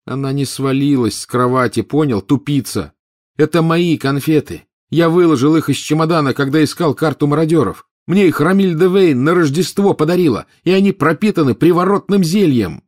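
A male narrator raises his voice into an exasperated teenage boy wizard, impatient and incredulous. The voice sits noticeably higher and louder than the storyteller's own, with lively, lifted phrasing in a storybook reading. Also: brisk, natural voice. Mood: angry.

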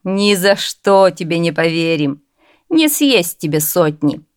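A woman voicing haughty, mocking noble gentlemen in a storybook reading. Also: lowish voice, sing-song, slow, smooth. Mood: jeering. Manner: scornful, jeering, loud.

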